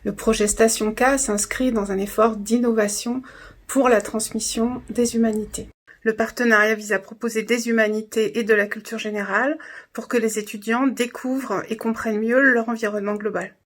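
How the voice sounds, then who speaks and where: A woman reading a scripted presentation in a steady, formal way. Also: fairly high pitch, moderate pace.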